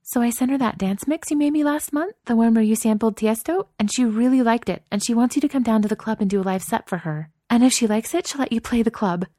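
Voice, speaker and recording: A woman voicing a bubbly, excitable young woman in a romance audiobook, gushing and eager. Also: mid-range voice, no room sound, clean studio sound, pitched above the performer's own voice, natural voice. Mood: excited. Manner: eager, gushing, rushing her words. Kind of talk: audiobook character voice.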